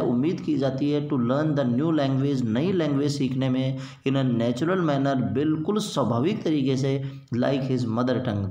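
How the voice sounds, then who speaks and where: A man's voice: on the high side, a little mellow. A man giving an exam-prep lecture as an English teacher, explaining in Hindi mixed with English terms and repeating points for emphasis. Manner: reads English quotations slowly, then glosses them. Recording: echoey room.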